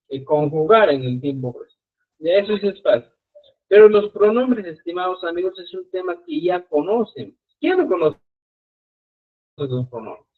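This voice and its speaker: A man teaching a live online language lesson, explaining patiently and often checking whether his students follow. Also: high-pitched. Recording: tinny phone-like audio.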